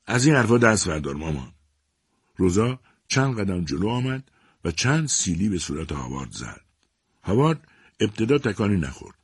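Deep husky male storyteller. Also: a little mellow, no room sound, clean studio sound. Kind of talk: scripted story narration.

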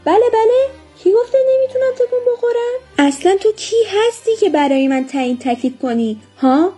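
A woman's voice: high-pitched, animated, dark tone, faint music behind. A woman voicing a bossy male ambulance driver in a storybook reading who barks orders and scolds. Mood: angry.

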